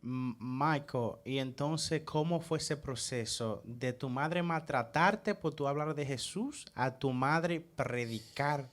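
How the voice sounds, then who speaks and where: A man hosting an interview, asking questions haltingly as he searches for words. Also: medium pitch. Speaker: interview host.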